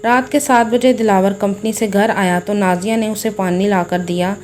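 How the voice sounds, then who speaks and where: Woman narrating a story over soft music. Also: medium pitch, normal speed. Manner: steady, plain storytelling.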